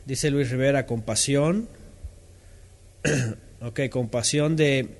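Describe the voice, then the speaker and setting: A man's voice: medium pitch, slow pace. Man teaching from the Bible. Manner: asks questions, reads out responses from listeners; reads scripture aloud, stopping to comment.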